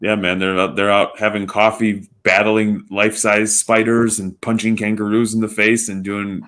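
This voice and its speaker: Male podcast co-host, lowish voice, loose swearing banter. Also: little pitch movement, moderate pace, a bit bright. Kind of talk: casual chat.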